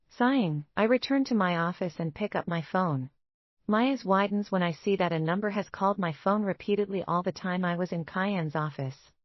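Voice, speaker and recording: A woman's voice: on the low side, no room sound. A woman narrating a first-person audiobook story in an earnest, emotional way. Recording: dull, dry lo-fi studio voice-over.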